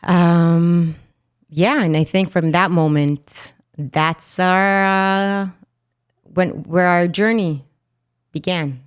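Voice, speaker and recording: A woman's voice: on the low side, steady tone, drawn-out words, smooth. A woman with an Israeli accent, a native Hebrew speaker in her thirties, recounting a personal story as a podcast guest and acting out the dialogue she quotes.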